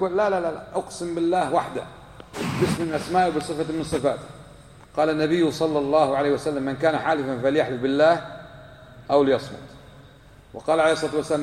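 A man giving a religious lesson to a live class, quizzing his listeners and repeating key points for emphasis. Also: a little high. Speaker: religious teacher. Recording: echoey hall with long reverb.

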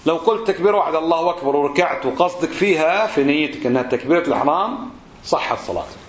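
A man's voice: a little high, animated, a little hiss or hum. Man teaching. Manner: drawls out phrases slowly to demonstrate pronunciation; asks the listeners rhetorical questions. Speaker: religious teacher. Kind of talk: lesson on prayer. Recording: roomy, slightly dull recording.

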